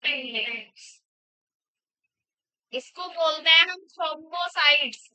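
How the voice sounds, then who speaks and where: A woman's voice: high voice, steady tone, moderate pace, bright, forceful tone, no room sound. A woman biology teacher lecturing in a classroom, asking the class questions and repeating their answers back, in a dull lo-fi recording. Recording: dull lo-fi sound.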